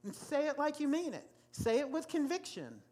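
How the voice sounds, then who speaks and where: A woman's voice: sits high, huge pitch swings, moderate pace, a little mellow. A woman pastor delivers a sermon in a church sanctuary. She speaks with emphasis and repeats her key phrases to drive them home.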